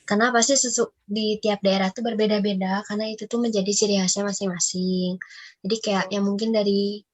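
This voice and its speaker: A woman's voice: medium pitch, fairly even intonation, a little fast. Chatty Indonesian woman podcast host. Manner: chatty, rambling with many fillers. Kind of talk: casual reaction chat.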